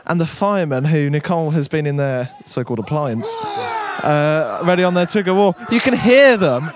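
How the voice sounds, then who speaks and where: A man's voice: a little high, sing-song, moderate pace, heavy background noise. A man presenting a live local radio broadcast from an outdoor village fair, chatty and upbeat.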